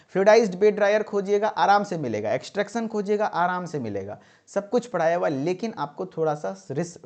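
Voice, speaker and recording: A man's voice: high-pitched, darkish tone. Emphatic man teaching pharmacy. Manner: repetitive, emphatic, checks in with "ठीक है". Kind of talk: exam-tips lecture.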